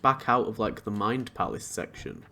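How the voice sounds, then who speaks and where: A man's voice: on the low side, normal speed, bright, forceful tone, soft background music. A man giving informal let's play commentary, thinking aloud and swearing casually. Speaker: gamer, let's play host.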